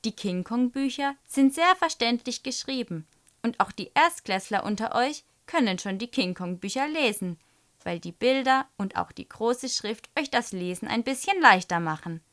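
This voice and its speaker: A woman reading a children's story aloud and recommending the book to young readers. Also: a little high. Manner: slow, lively storybook reading.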